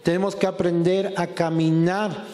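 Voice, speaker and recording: A man preaching a sermon in a church hall, impassioned and rising to shouts as he acts out quotes. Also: high-pitched, little pitch movement, a little slow. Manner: impassioned, rises to shouting when acting out quotes. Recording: long reverb of a hall.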